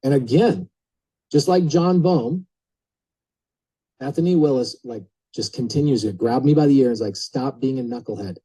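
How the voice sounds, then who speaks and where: A man with a very dark, mellow, slightly husky voice gives a motivational talk on a coaching call. He's chatty and energetic, addressing the group directly as he tells his story. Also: medium pitch, moderate pace, long pauses, poor audio. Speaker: guest speaker on a coaching call.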